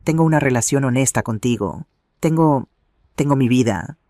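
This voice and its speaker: A man voicing a humbled young adult son in a story, speaking earnestly and softly, in a dry close sound. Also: medium pitch, normal speed, dry recording, close to an everyday voice. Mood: remorseful.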